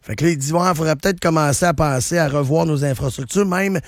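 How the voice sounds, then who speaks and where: A man's voice: on the high side, fast, no echo, studio quality. A man with a Quebec French accent, hosting a radio show and commenting on traffic news in a casual, opinionated way with lots of fillers and restarts. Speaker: radio host.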